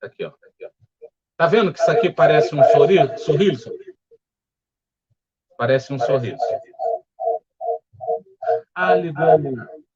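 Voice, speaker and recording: A man with a Brazilian Portuguese accent leading a spiritual study group, speaking in a calm, gentle, explanatory way. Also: fairly high pitch, slow pace, long pauses, breathy edge, muffled recording, soft background music. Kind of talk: reflective spiritual study talk. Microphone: home setup with earphones.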